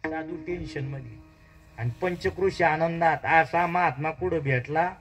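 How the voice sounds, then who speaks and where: A man with a Marathi accent tells a devotional story as a kirtan preacher, keeping the crowd in it with quick questions. His voice sits a little higher than most men's and jumps up loud and high on key words. Faint music hums underneath. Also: low-quality recording. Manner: call-and-response questions, dramatic rises in pitch and volume.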